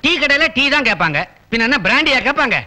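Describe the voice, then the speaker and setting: A man's voice: extremely high pitch, big pitch swings, quick pace, pushed and bright. A man acting in a Tamil film comedy scene, teasing and boastful, with sing-song calls.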